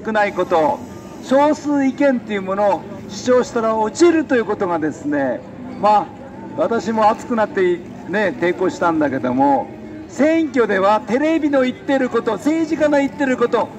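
A middle-aged man with a high-pitched voice makes a speech outdoors beside a busy city road. He's a defeated election candidate turned street speaker, holding a handheld mic close while traffic noise fills the recording.

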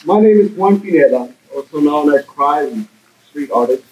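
A man from Guatemala, a muralist, giving remarks to a crowd in an outdoor park plaza with some soft ambient noise. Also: a little high, expressive, moderate pace.

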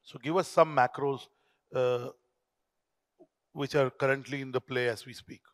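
A man's voice: mid-range voice, steady tone, a little slow. A middle-aged man, hosting a conference session and putting emphatic, rhetorical questions to his guest on stage through a handheld mic. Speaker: conference host and interviewer. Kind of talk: onstage keynote conversation. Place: large conference hall stage. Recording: dry close mic with long hall reverb.

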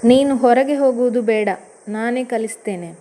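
Brief: bossy husband coaching driving, read by a woman, firm, pushy, a bit higher and louder. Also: steady tone, normal speed, lightly acted. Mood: stern bossy. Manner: bossy, raises his voice. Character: stern impatient husband teaching driving, man.

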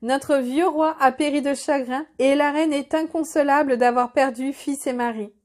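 A woman's voice: sits high, fairly even intonation, normal speed, close to an everyday voice. A woman doing mocking castle guards. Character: gruff male castle guards, mocking and scornful.

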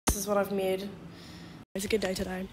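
A woman's voice: medium pitch, monotone, fairly quick, very noisy. A young Scottish woman, a university student, chatting casually to her phone camera and giggling often. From Scotland. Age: young adult. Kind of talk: casual vlog chat.

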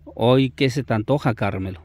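A man's voice: mid-range voice, normal speed, darkish tone, dry recording. A man from Oaxaca, hosting a casual interview with a teasing, laughing manner. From Oaxaca, Mexico. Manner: teasing, laughs often, keeps repeating the other's name. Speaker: host.

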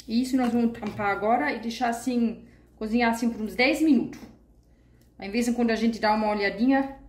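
In an echoey room, a woman with a mid-range voice explains a home recipe one step at a time from her kitchen. She's a vegan cooking channel host whose casual tutorial is chatty and homey, peppered with diminutives and fillers.

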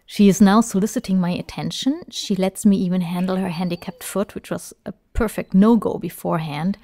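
In this instructional voice-over, a woman plays a parrot trainer, speaking briskly at a medium pitch with a warm tone. She's chatty and enthusiastic, dropping in small fillers as she goes.

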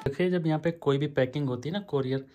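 Over loud background music, an Indian vlogger in his thirties talks through a grocery unboxing, set in a room with a green screen and purple backdrop. He speaks fast in a voice on the high side, chatty and animated, his hands moving as he talks.

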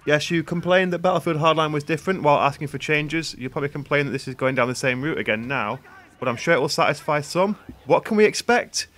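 A British man delivers sarcastic, mock-serious parody news anchor commentary for a gaming channel while video game gunfire and game noise play behind him. He speaks at a quick pace, his voice on the high side and fairly bright.

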